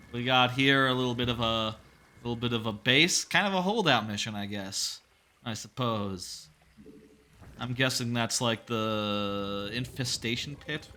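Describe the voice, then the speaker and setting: A man's voice: mid-range voice, pushed and bright, slight background noise. A man giving casual game commentary as a gaming video host, musing tentatively with wry asides into a close mic. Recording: game music under the voice.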